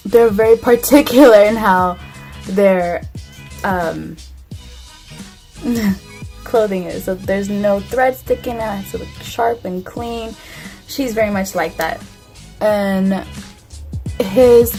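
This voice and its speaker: Young female vlogger, casual to-camera chat, sassy and gushing, music bed underneath. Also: fairly high pitch. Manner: chatty, gushing, sassy storytelling with frequent "like". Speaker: beauty vlogger. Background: background music.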